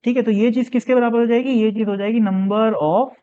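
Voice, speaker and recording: A man teaching a physics exam problem step by step, reading the question slowly and then explaining it casually, often asking and answering his own questions. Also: very high voice, steady tone, mellow, smooth, highs cut off.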